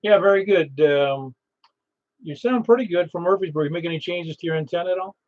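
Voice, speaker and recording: A man with a slightly high voice hosts a casual ham radio net. He rambles in a chatty way, and the sound is a little dull. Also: fast talker. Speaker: amateur radio net host. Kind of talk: casual net hosting with call signs.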